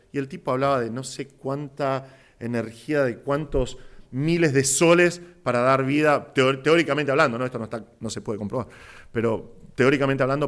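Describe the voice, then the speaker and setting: A male pastor with a Rioplatense Spanish accent, preaching an impassioned sermon that swings between loud exclamations and hushed asides. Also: mid-range voice, smooth. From Argentina.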